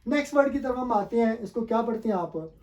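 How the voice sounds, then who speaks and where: In this pronunciation lesson, a male language teacher quizzes the viewer and echoes back the replies. His delivery is slow and careful, broken by frequent thinking pauses, and his extremely high, expressive voice carries a darkish tone.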